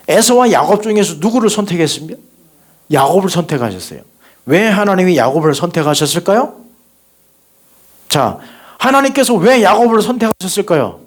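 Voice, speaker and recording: A Korean male pastor delivering a sermon in a church sanctuary with a fairly high voice. He keeps asking rhetorical questions and calls for the congregation to repeat after him. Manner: rhetorical questions, call and response.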